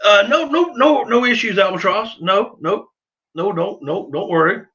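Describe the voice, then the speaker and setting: A middle-aged man from the southern United States, host of a duck hunting channel, chats casually with viewers on a livestream in a Southern accent. His voice is high and sharp, his pace moderate, and he rambles in a lively, folksy, self-deprecating way. The audio sounds dull.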